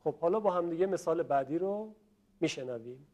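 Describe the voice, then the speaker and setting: A man teaching Quran recitation to a class, explaining patiently in speech and chanting slow examples for students to repeat. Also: on the high side, animated, dark tone.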